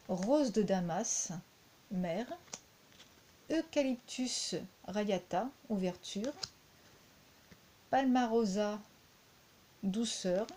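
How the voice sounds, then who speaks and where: A woman's voice: medium pitch, dark tone, slight background noise. A woman with a French accent reviewing a deck of cards, talking unhurriedly with frequent fillers and repeated words.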